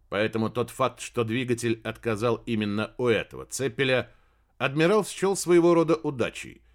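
A man reading a story aloud in a dramatic, expressive audiobook narration. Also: medium pitch.

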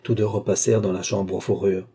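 Dark, husky male audiobook narrator. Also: deep voice, flat delivery, a little fast. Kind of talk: scripted narration of a classic novel.

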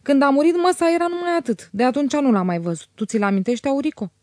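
Woman reading as harsh middle-aged aunt, raspy, curt, audiobook, dry close sound. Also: sits high, dark tone, no echo, voice pushed up, natural voice. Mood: gruff. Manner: gruff, curt.

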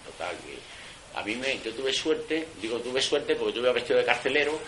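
A man's voice: medium pitch, a little fast, slight background noise, low-quality recording. A man recounting his own experiences in a casual, colloquial way, blunt and full of slang and swearing, restarting his sentences as he goes. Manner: animated retelling, with many restarts. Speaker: former prisoner giving a testimony. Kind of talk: casual spoken storytelling.

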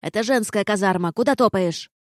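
A woman's voice: fairly quick, no room sound, studio quality, close to an everyday voice. A woman voicing a grumpy female stone gargoyle warden who shrieks and scolds everyone. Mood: scolding. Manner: shrill, scolding, yelling.

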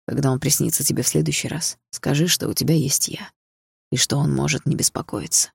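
A woman voicing a calm young man who speaks quietly and soothingly. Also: low voice, fairly quick, creaky, husky, no room sound, clean studio sound, full character voice. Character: calm, caring young man, the heroine's partner.

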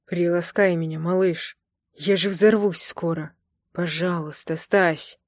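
A teasing, tender young man in an audiobook, put on by a woman reader. He speaks in a low, unhurried murmur, close and intimate. The recording is dry and close, with no room sound. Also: steady tone, dry recording. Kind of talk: audiobook character voice.

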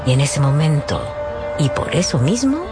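Narrating a radio novel, this speaker tells the story dramatically with lively, widely varied intonation at a medium pitch and moderate pace. Music can be heard clearly in the background.

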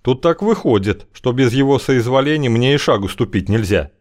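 A man's voice: mid-range voice, lively intonation, normal speed, a little mellow, voice pushed up, close to an everyday voice. A man reading an audiobook, voicing a guarded, evasive wanderer with a dry, wry way of talking.

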